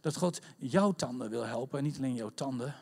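A man preaching a conversational sermon, acting out quotes and rising to shouts at the high points. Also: fairly quick, creaky, slightly rough.

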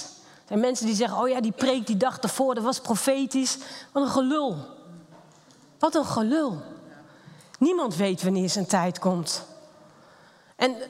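Middle-aged woman, blunt and emotional personal testimony, long hall reverb. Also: a little high. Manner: candid and blunt, emotional storytelling. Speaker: speaker sharing a personal testimony.

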